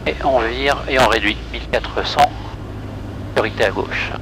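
A man's voice: medium pitch, moderate pace. A male pilot talking through terse checks in a small aircraft cockpit. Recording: cockpit audio, loud engine noise. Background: aircraft engine noise.

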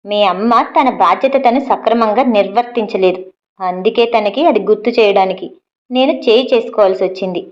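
A woman's voice: medium pitch, fairly quick, a little mellow, highs cut off, lightly acted. Woman playing a stern controlling father. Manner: stern and lecturing.

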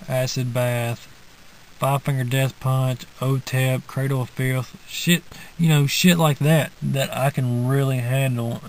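A man's voice: medium pitch, a little hiss or hum, low-quality recording. Young man rambling in a parked car. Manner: rambling, drawling, many fillers and restarts. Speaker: vlogger. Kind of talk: casual rambling monologue. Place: inside a parked car in the woods. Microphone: phone or camera held at arm's length.

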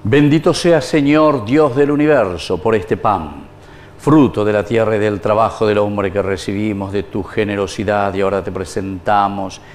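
With faint music behind him, a man acting as priest at Mass prays solemnly, formally and at a measured pace. His voice is lowish and darkish, captured on a lapel mic in a small indoor wood-panelled chapel.

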